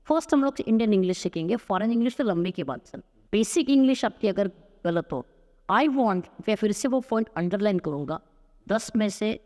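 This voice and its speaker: A man's voice: high voice, a little mellow. A man from Maharashtra coaching spoken English in a podcast interview. He talks emphatically, stacking promises and examples. His voice carries a long reverb from the room. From Maharashtra, India. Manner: emphatic, mixes Hindi and English.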